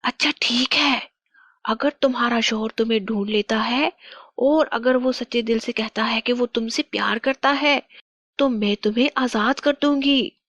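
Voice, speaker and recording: Woman putting on a wicked cartoon witch, slow, mocking, half-whispered. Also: a little high, fairly bright tone, no echo, voice pushed up. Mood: scornful. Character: wicked scheming female witch.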